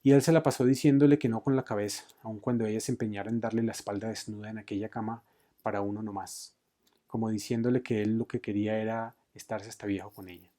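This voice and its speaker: Dark-toned man reading a novel aloud. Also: lowish voice, fast. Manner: expressive reading, raising his voice for shouted quotes. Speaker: book reader.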